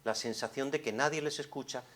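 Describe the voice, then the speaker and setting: A man from gives a psychologist's lecture in a conference hall, speaking into a microphone. His delivery is expressive and full of rhetorical questions. It drops to near hushed tones, then rises to carrying emphasis. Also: mid-range voice, fairly quick. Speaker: psychologist giving a conference talk.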